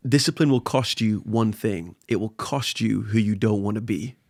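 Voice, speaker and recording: A man's voice: fairly low pitch, normal speed, darkish tone, dry recording, studio quality. A man guesting on a podcast, talking earnestly and motivationally, often repeating words as he thinks. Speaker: podcast guest, spoken word artist. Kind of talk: casual conversation.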